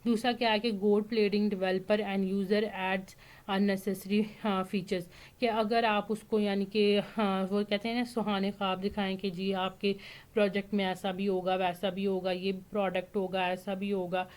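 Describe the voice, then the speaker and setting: A woman's voice: medium pitch, little pitch movement, a little slow, darkish tone. A woman from Pakistan, giving a casual spoken lecture as an online tutor and often checking in with "theek hai". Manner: explains with frequent fillers and "theek hai" check-ins.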